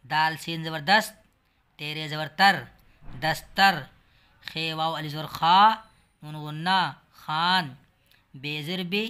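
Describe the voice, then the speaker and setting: A man's voice: on the high side, steady tone, slow, pauses often, sharp tone, smooth. A man teaching a reading lesson, with an Urdu accent, spelling out each word letter by letter and vowel sign before reading it whole. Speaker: language teacher.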